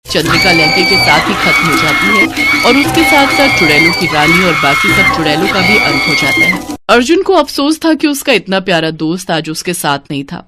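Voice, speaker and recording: A woman giving scripted, measured storybook narration. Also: on the low side, huge pitch swings. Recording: noisy recording.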